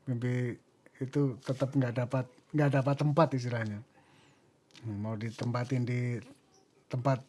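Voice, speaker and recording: A man's voice: medium pitch, mellow. A man talking as a guest, thoughtfully recounting a personal story and acting out bits of dialogue. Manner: reflective, mixing in English phrases, acting out dialogue.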